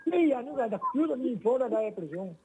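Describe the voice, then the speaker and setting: A man with a Venetian accent calling in on speakerphone over a bad phone line, talking in a rambling, indignant, halting way. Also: very high-pitched, very animated, noisy background. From Venice, Italy. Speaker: caller. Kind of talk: call-in radio comment.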